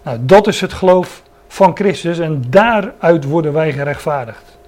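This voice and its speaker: Man, sermon, earnest Bible teaching, slightly high voice, stresses key phrases. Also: animated, measured pace, a little mellow. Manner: earnest, stresses key words, many restarts. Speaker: preacher.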